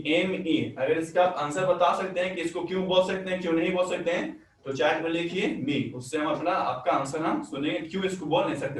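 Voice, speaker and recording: Male teacher, fairly high voice, roomy echo, set back from the mic. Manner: repeats "ठीक है", asks students questions. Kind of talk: online class lesson. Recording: echoey room, far from mic.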